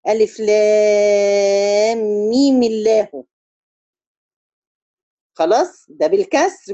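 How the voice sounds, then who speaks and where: A woman with an Egyptian Arabic accent teaching a tajweed lesson on Quran recitation. She explains step by step, keeps checking that her students follow, and chants drawn-out syllables to show the correct reading. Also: medium pitch, mellow, no echo, lo-fi sound.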